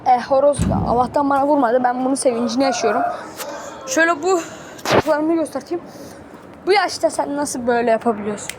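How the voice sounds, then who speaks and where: A woman's voice: sits high, brisk. A woman chatting casually to her viewers from a chicken coop, talking to them like friends and bluntly scolding the animals around her. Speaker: vlogger. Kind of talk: casual vlog chat. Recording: loud farmyard noise with clucking birds.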